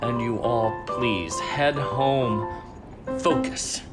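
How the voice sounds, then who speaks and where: A man's voice: mid-range voice, very slow, over loud music. A man playing a genial, encouraging boss with a theatrical manner in an audio drama. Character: genial boss urging on the holiday staff.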